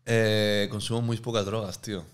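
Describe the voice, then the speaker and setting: A man's voice: on the low side, level tone, moderate pace. A man, hosting a podcast in an earnest, careful way. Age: 20s. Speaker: podcast host. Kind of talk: casual podcast chat.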